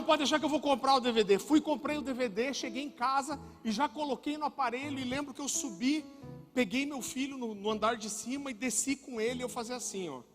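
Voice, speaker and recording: A male pastor preaching a sermon, an animated, joking storyteller who keeps calling the audience brother. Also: very high voice. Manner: turns soft and hushed near the end. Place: church hall. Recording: reverberant church hall with music.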